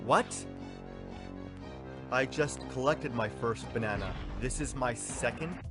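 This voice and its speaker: A man's voice: medium pitch, slow pace. A man narrating a scripted comedic video game review in a blunt, sarcastic, exasperated way. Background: music.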